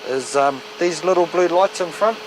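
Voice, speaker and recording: A man's voice: on the high side, moderate pace. A man with a broad New Zealand accent, a police officer speaking firmly and colloquially to members of the public. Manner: firm, plain-spoken, colloquial. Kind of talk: spoken on duty, questioning and explaining to members of the public. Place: outdoors, on the street. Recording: noisy outdoor street, vehicle sounds.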